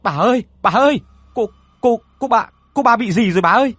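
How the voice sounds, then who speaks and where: A man voicing panicked young servants who shout and stammer for their mistress. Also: very high-pitched, animated, brisk, breathy edge, no room sound, soft background music, voice pushed up, full character voice.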